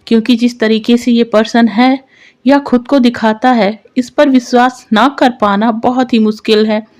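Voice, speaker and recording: Woman plays a shy young man, soft, wistful, slightly sulky; storybook read, light pitch. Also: lightly acted.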